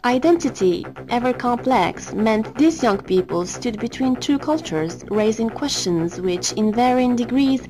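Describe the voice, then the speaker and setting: A woman's voice: fairly high pitch, expressive, takes it slowly, few pauses. Woman narrating a documentary over music. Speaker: documentary presenter.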